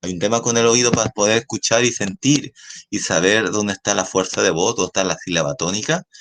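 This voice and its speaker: A man's voice: deep voice, a bit bright, a little hiss or hum. A man teaching a class, explaining patiently and repeating points with checking questions. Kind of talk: classroom lesson.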